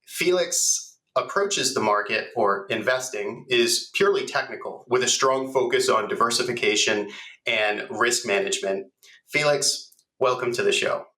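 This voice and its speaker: A man's voice: medium pitch, normal speed, sharp tone. Man hosting through a tinny, metallic echo. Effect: tinny, metallic tin-can sound. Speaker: podcast host. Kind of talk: conversational podcast hosting. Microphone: backup device, not the close microphone. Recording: echoey, tinny backup recording device.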